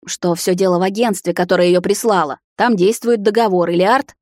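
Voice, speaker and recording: A woman voicing a calm older male vampire uncle who tries to soothe and reason. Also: medium pitch, fairly quick, dry recording, studio quality, lightly acted. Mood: explaining.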